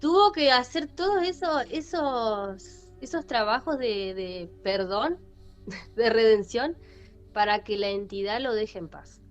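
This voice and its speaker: A woman's voice: a little high, lively intonation, takes it slowly. A woman with a Rioplatense Spanish accent hosting a podcast, telling a story casually and animatedly, with many fillers and repetitions. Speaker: podcast host. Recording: lo-fi with faint music.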